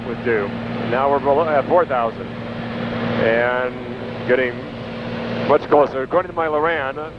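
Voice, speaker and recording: A man's voice: medium pitch, normal speed. A man piloting a plane, recording a rambling, musing spoken flight diary and making radio calls, often trailing off mid-sentence. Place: mostly in a small plane cockpit. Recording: muffled portable tape, very loud noise. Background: loud aircraft and vehicle noise.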